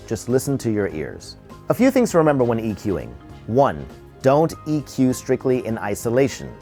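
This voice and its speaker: As presenter of an instructional tutorial, a man explains things in a measured, step-by-step way. His mid-pitched voice has lively intonation, with faint music in the background.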